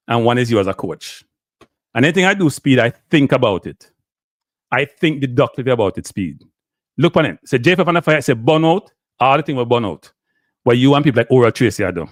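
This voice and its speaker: Animated Jamaican man ranting on a live stream. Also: mid-range voice, quick pace, no echo, studio quality. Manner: animated, lecturing, slips in and out of patois, answers viewer chat.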